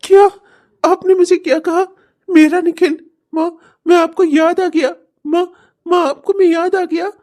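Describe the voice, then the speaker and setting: A woman's voice: sits high, moderate pace, dark tone. A woman voicing a devoted young son in a cartoon, anxious, pleading and tearful. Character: devoted young adult son Nikhil, emotional. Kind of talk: cartoon voice acting.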